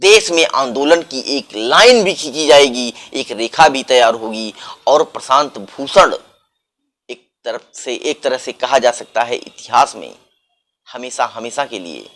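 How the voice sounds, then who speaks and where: A man's voice: mid-range voice, fairly bright tone. A man delivering political news commentary, asking pointed rhetorical questions and leaning hard on stressed words.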